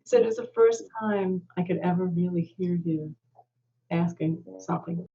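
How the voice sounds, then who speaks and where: A woman's voice: lowish voice, moderate pace, a little hiss or hum. A woman marriage therapist in an interview, explaining ideas and telling stories that she acts out with quoted voices. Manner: animated storyteller, acts out quoted speech. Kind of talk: conversational interview. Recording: muffled lo-fi sound.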